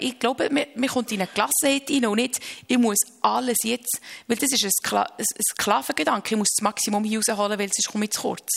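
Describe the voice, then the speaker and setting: A woman, speaking earnestly and reflectively about her faith as an interview guest, with halting restarts and slow emphasis on key phrases. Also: on the high side, vocal fry.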